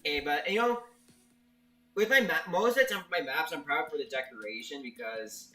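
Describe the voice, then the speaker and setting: A man's voice: a little high, moderate pace, bright, forceful tone. Man, streamer, stammering, restarts sentences, casual chat, slightly far mic, faint music. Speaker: streamer, level maker. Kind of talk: casual live-stream chat, reading viewer chat.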